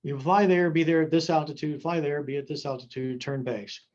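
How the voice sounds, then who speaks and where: A man's voice: on the high side, fairly even intonation, brisk, darkish tone, muffled recording. A man giving an indoor seminar as a flight safety instructor, folksy and emphatic with rhetorical asides while drawing on a board.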